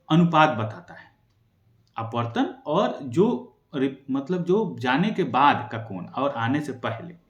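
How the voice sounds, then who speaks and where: A young man teaching an exam-prep science lesson, quickly asking and answering his own questions. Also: a little high, roomy sound.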